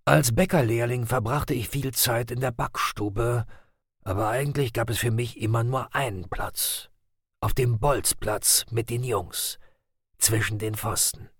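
A man narrating audiobook passages in a measured, grave storytelling voice. His tone carries a gravelly edge and a husky grain. It is recorded dry and close, with no room sound. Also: mid-range voice, no echo. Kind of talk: scripted narration of audiobook excerpts.

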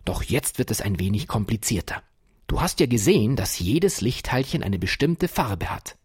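A kindly storybook professor, as a man plays him, patiently explaining with a lively, rising and falling voice. The tone is husky, and the recording is dry and close. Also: on the low side, moderate pace, dry recording, heavily acted. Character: kindly enthusiastic old male professor.

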